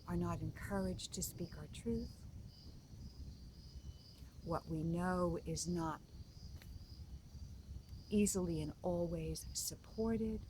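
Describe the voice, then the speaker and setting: A woman spiritual coach giving a reflective talk, gently repeating key phrases for emphasis. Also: lowish voice, background noise.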